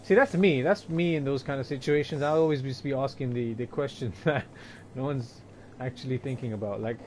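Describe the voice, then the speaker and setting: A man's voice: mid-range voice, steady tone, a little fast, darkish tone. Young man, game streamer, loose jokey rambling commentary to viewers, faint background hiss. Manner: rambling, jokey, talks to chat. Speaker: gameplay streamer. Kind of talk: casual let's-play commentary.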